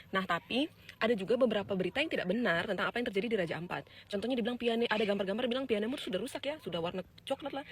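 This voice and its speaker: A woman's voice: mid-range voice, slight background noise. A woman vlogging in a casual, chatty way, explaining things to her viewers with fillers and questions.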